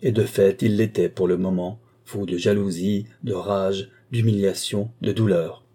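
A man reading a novel aloud in a measured, dramatic narration. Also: low voice, steady tone, dark tone, slightly rough. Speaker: audiobook reader. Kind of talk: scripted narration.

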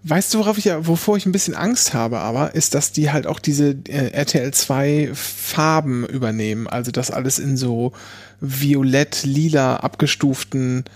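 A man's voice: medium pitch, moderate pace, darkish tone. A man chatting casually as a podcast host, hesitant and often restarting his phrases. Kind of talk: casual chat.

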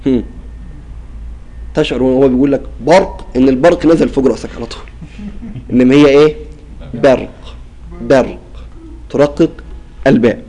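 A man's voice: medium pitch, fast, pauses often, dark tone, poor audio. A man teaching a class on Quran recitation rules, explaining and demonstrating pronunciations and often checking with the students. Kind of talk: classroom lesson on tajweed.

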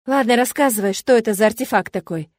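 A woman voicing a prim, curious young witch who speaks briskly and bristles easily, in an audiobook. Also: a little high, no room sound, studio quality, natural voice. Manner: indignant, brisk. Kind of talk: audiobook character reading.

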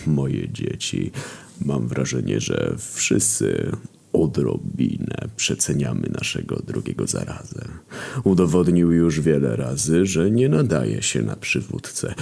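A man voicing an ancient male God, a cold judge speaking slowly and gravely. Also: rumbling low, sing-song, darkish tone, pitched below the performer's own voice, heavily acted. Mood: solemn. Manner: slow, grave, solemn delivery.

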